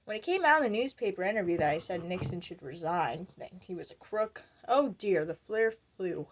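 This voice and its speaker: A wry, sharp-tongued young former beauty queen, played by a woman in a stage monologue recounts her reign with dry, defiant humor. Her storytelling voice stays conversational and pointed, briefly mimicking the people she quotes. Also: on the low side, animated, a little fast, a little hiss or hum, close to an everyday voice. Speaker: actor performing a monologue. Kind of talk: theatrical monologue.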